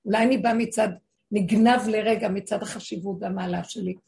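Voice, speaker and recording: A woman's voice: mid-range voice, fairly even intonation, vocal fry, a little mellow, a little hiss or hum. A woman teaching a religious lesson, explaining with frequent rhetorical questions to her listeners and acting out voices she quotes. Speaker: spiritual teacher.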